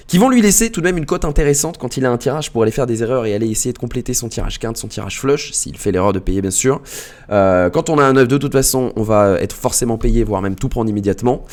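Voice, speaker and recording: A man hosting a poker replay show, commenting hands in a lively, chatty way and addressing viewers directly. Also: medium pitch.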